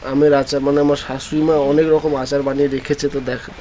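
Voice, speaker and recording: A man's voice: mid-range voice, level tone, a little fast, dark tone. A man chatting casually in a home vlog, rambling with many restarts. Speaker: vlogger. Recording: dull lo-fi phone audio with faint noise.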